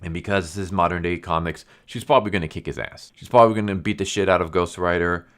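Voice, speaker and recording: A man's voice: low voice, fairly bright tone. A man who speaks English as a second language and says w for r, stumbling over words as he gives a casual, rambling comic book review. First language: a language other than English. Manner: says w for r, slows down on r sounds.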